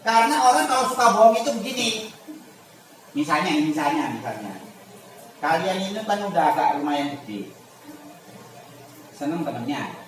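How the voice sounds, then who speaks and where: A man's voice: on the high side, sing-song, normal speed, long pauses, a bit bright. A man teaching a religious lesson to a class, reading Arabic lines and explaining them casually, acting out little scenes. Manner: reads Arabic text then explains it in casual speech; acts out short scenes in quoted voices. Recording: echoey room, far from the mic, noisy.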